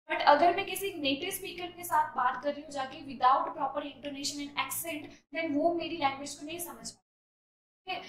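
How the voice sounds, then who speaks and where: A woman with an Indian accent teaching IELTS essay writing, mixing Hindi and English, reading sample sentences slowly and explaining them step by step. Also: sits high, roomy sound, distant mic, rough recording.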